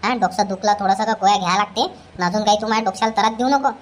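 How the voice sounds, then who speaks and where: In a cartoon comedy, a woman voices a nagging old mother-in-law who scolds in a rapid rant. Her voice is mid-range and natural.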